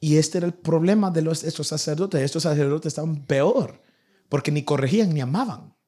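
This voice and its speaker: A young man preaching a sermon to his church, animated and acting out the people in his stories. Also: fairly high pitch, fairly quick. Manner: animated, acts out nagging parents in a raised voice. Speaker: pastor. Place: church in Vancouver.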